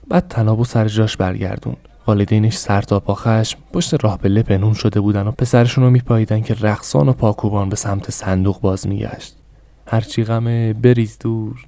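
Man reading a story in a low mellow voice. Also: no echo. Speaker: podcast narrator. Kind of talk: audiobook reading.

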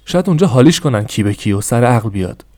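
A man's voice: medium pitch, animated, darkish tone, no echo, natural voice. A man voicing an angry, stern father who scolds his son harshly. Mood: furious.

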